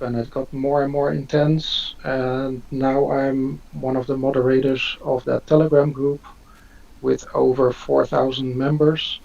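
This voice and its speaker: A man's voice: mid-range voice, gravelly, a little mellow. A man, hosting a live Q&A on a video call, talking hesitantly with many fillers. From Netherlands. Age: 50s. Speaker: host. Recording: dull lo-fi audio.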